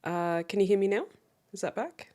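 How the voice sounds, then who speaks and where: A woman's voice: mid-range voice, expressive, normal speed, warm tone. A woman hosting a casual interview over a video call whose audio drops out, chatting with plenty of fillers and restarts. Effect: video call audio with dropouts. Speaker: podcast host. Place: in Australia.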